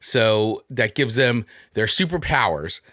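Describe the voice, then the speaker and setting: A man's voice: medium pitch, lively intonation, takes it slowly, pushed and bright, dry recording, studio quality. A man with a New Jersey accent hosting a podcast interview, upbeat and enthusiastic as he promotes the show and greets his guest. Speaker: podcast host.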